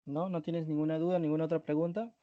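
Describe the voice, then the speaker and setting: A man's voice: a little high, level tone, fast, dry recording. Guy teaching online class, keeps saying ¿no?, repeats stuff, dry dull sound. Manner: explains with repeated "¿no?" checks and restates key points.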